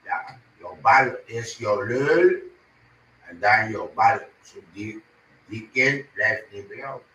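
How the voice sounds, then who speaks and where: A man's voice: on the low side, lively intonation, slow pace, sharp tone. Agitated man ranting in a roomy space. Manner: agitated, ranting, repeats himself. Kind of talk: angry monologue to camera. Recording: roomy, distant from the mic, faint noise.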